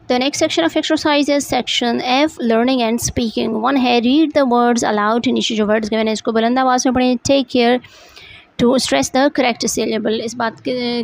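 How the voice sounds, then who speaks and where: A woman teacher goes through workbook answers at an unhurried, deliberate pace. Her slightly high voice has a gravelly edge. She reads each English line aloud and then explains it. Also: poor audio.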